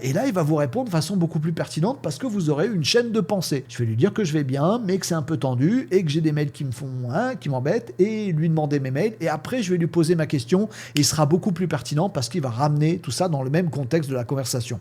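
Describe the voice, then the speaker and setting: A man giving a casual, chatty lesson on how AI prompting works, talking in a lively way with many fillers and playful sound words. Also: on the high side, quick pace, few pauses, slightly rough. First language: French. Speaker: teacher explaining AI prompting. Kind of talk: casual spoken lesson with screen demo.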